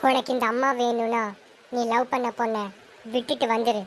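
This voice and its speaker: A woman's voice: on the high side, flat delivery, normal speed, slight background noise, natural voice. A woman playing a stern, domineering mother who talks in commands and threats, in a homemade serial drama. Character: stern domineering mother, woman, forcing her son's marriage.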